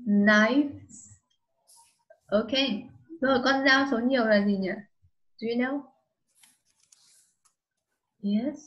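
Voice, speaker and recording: A woman's voice: fairly high pitch, extremely slow, long pauses, dull audio. A woman teaching English online with a Vietnamese accent, patiently dictating and spelling words letter by letter. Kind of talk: slow dictation lesson for a child.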